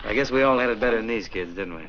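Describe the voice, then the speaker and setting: An actor playing a genial parish priest from Missouri in a 1940s film, easygoing and joking. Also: male voice, lowish voice, racing, close to an everyday voice. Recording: hissy dull 1940s film soundtrack.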